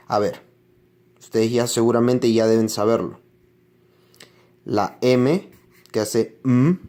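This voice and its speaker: A man's voice: mid-range voice, steady tone, slow, warm tone. A man teaching English pronunciation in a classroom-style lesson, explaining patiently and repeating each example word several times.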